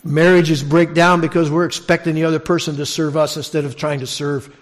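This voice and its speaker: A man with a slightly high, level voice preaches at a fairly quick pace. Teaching his congregation through a conversational expository sermon, he asks questions and repeats phrases to underline them.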